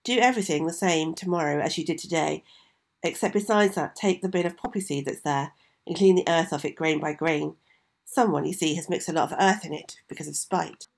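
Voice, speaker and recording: A woman voicing a fearsome, grumpy old witch in a storybook tale, gruff and scolding, with her voice raised louder. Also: sits low, brisk. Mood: menacing.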